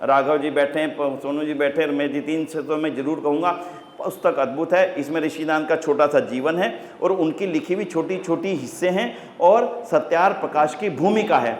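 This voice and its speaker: A man giving an impassioned religious speech to a congregation, exhorting them and rising to loud peaks. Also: a little high, moderate pace, slight background noise. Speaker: Arya Samaj speaker. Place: large hall. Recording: echoey hall, long reverb.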